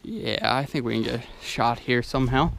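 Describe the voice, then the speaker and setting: Standing beside a rushing river, a man with a creaky mid-range voice records casual vlog commentary, thinking aloud to his camera. He's a vlogger and landscape photographer using a handheld phone or action camera, and the noisy outdoor audio is dominated by loud rushing water and a waterfall.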